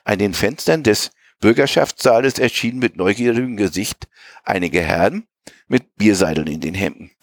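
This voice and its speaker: Expressive male reader, dry close sound. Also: fairly low pitch, normal speed, no room sound. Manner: expressive reading with small slips. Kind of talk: audiobook reading of a novel.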